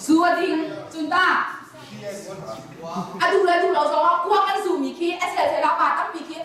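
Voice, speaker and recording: A high-voiced woman gives a counseling lecture at a conference and puts questions to her listeners. She sounds far from the microphone, and her voice rings through a large, echoing hall with a faint hiss underneath. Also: fairly even intonation, normal speed, crowd noise. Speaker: conference speaker.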